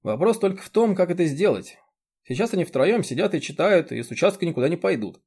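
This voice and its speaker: A man reading an audiobook, voicing a brisk, decisive male agent who talks practically. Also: sits high, sing-song, a little mellow, slightly rough, pitched above the performer's own voice, heavily acted. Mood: businesslike.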